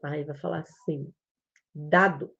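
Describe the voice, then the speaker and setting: A Brazilian Portuguese-accented woman, a psychomotricity educator, speaks at medium pitch in an expressive, darkish voice during a live stream. She breaks things down slowly and step by step, acting out a child's speech. The recording has its highs cut off.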